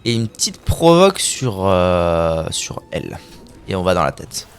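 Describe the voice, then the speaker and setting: A man's voice: sits low, sing-song, measured pace, clean tone. A man streaming a card game live, narrating his plays with playful, crude trash talk and silly mouth sound effects. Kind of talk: live gameplay commentary.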